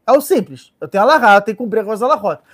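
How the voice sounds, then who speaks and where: A man with a Brazilian Portuguese accent giving an informal Torah lesson as a rabbi, lively and joking, often acting out little voices. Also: sits high, rapid-fire, breathy edge. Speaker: rabbi teaching a Torah class.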